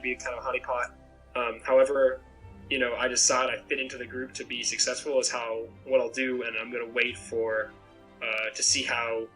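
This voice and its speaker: Poor audio captures a young game contestant from Maine, USA, in a pregame interview held over a laptop webcam call in a small bedroom. Speaking in a pushed, bright, mid-range voice, he describes himself in a rambling, reflective manner with many restarts.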